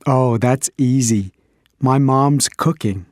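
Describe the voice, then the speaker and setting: A man's voice: mid-range voice, slow pace, darkish tone, no echo, studio quality, natural voice. An actor playing a reflective man from Vietnam in a scripted textbook interview. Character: man from Vietnam working in communications.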